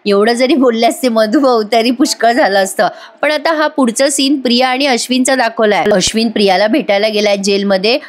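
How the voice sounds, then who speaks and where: A woman's voice: a little high, steady tone, a little fast, hardly any pauses. A woman recapping a TV serial episode in a chatty style, talking straight to viewers and adding wry asides.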